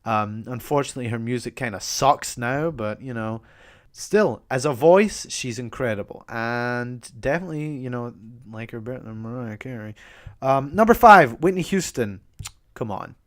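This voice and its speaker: A man's voice: medium pitch, animated, moderate pace. Enthusiastic young man talking casually. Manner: enthusiastic, swears casually, frequent ums and restarts. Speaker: podcast host. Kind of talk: casual monologue.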